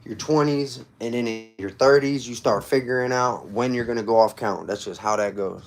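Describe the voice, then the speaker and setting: This thirty-something livestream host keeps things casual, recounting his own experiences in informal street slang and repeating points for emphasis. His mid-range voice is gravelly, and he talks at a normal pace.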